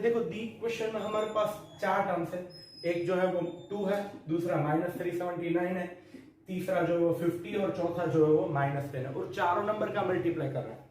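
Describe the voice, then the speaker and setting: A man teaching a maths lesson to school pupils, explaining each step patiently and mixing English into Hindi. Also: sits high. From India. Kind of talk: recorded online maths lesson. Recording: echoey, distant room mic with faint noise.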